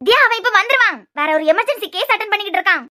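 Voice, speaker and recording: Woman voicing a calm reassuring cartoon doctor. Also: very high-pitched, very fast, full character voice. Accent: Kanyakumari Tamil. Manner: gentle, persuasive.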